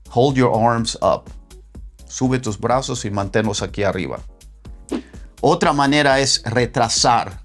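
A man teaching English phrasal verbs in a bilingual lesson, repeating example sentences slowly and acting out lively phrases. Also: mid-range voice. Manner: slow, deliberate model sentences repeated for learners.

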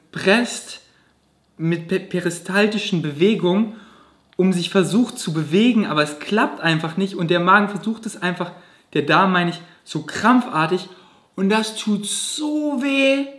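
A man's voice: high-pitched, unhurried, fairly bright tone. Emotional man telling his story, roomy echo. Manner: emotional, vivid retelling with casual swearing. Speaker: vlogger. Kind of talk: personal storytelling to camera.

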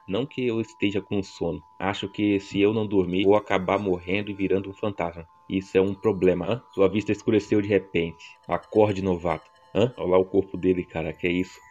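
A man's voice: deep voice, a little mellow, dull audio. A man in his twenties from Brazil with a São Paulo accent, reading a story game aloud and making casual, slangy asides to viewers. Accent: São Paulo Portuguese. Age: 20s. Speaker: gameplay narrator.

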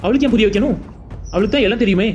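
A man's voice: high-pitched, rapid-fire, muffled recording, faint music behind, lightly acted. A man voicing an older brother in a cartoon, lecturing his sister with one rhetorical question after another. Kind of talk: cartoon voice acting.

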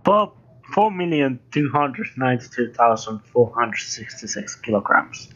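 A young man playing a game with a friend, talking slowly and deliberately, laughing along and repeating the other's words. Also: mid-range voice, sing-song, a bit bright, highs cut off. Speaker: co-player. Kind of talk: casual gaming chat.

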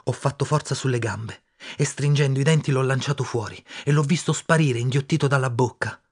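Husky male audiobook narrator. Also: medium pitch, brisk. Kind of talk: first-person audiobook narration.

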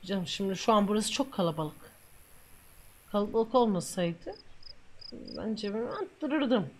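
A woman streamer giving gameplay commentary, brash and mock-stern, scolding and swearing playfully with loud bursts and teasing asides. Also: medium pitch, lively intonation, measured pace, a little hiss or hum.

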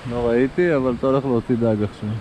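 A man chatting excitedly while fishing from the shore, recorded on an action camera. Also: medium pitch, poor audio. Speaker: angler filming fishing trip. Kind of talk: casual outdoor chat. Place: outdoors on a lake and river shore. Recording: loud wind noise on camera mic.

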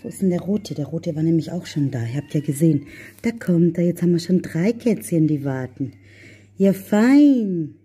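A woman's voice: low-pitched, expressive, brisk, warm tone, slightly rough. A woman vlogging casually while feeding her cats and other animals, calling to them in a sing-song voice. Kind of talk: casual vlog talk to animals and viewers.

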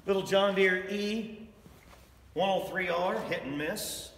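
Walking through a large barn and an indoor toy room, a middle-aged auctioneer promotes items in an upbeat way, speaking slowly in a high, slightly bright voice. Long reverb fills the echoey barn.

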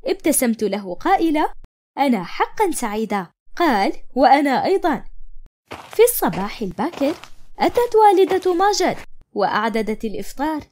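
A woman narrates a cartoon story as a young wife telling her own tale. Her voice sits high and moves over a wide, expressive range. She does all the other figures herself and drops lower for the doctor. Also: a little fast. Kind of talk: storytelling narration in classical Arabic.

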